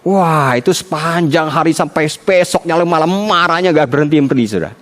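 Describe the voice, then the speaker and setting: A man preaching a sermon as pastor, telling everyday stories with rising emphasis. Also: fairly quick. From Indonesia. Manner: storytelling with a sharply rising pitch for emphasis. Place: church.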